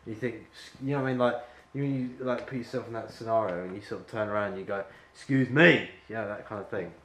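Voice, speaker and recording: A man's voice: lowish voice, fairly even intonation, fast talker. A man directing an actor at an audition, rambling and full of fillers as he explains the scene. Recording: echoey room with faint ambience.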